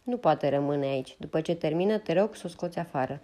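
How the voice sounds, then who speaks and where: A woman's voice: sits low, warm tone, close to an everyday voice. A woman voicing a stern, hostile frontier man who leads a wagon train, cold and clipped in a storybook reading.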